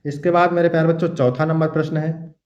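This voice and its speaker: A man's voice: on the high side, flat delivery, fast talker, a little mellow, echoey room, highs cut off. A male teacher giving an exam-preparation lecture, reading verses aloud and then explaining them, and calling his students his dear children.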